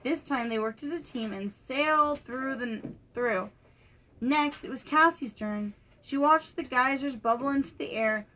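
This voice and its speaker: Young woman, storybook read-aloud, higher voice, gentle, lightly animated. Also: a little slow, a little hiss or hum, low-quality recording. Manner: gentle and lightly animated, giving characters small voice lifts. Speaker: podcast storyteller. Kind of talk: reading a children's book aloud.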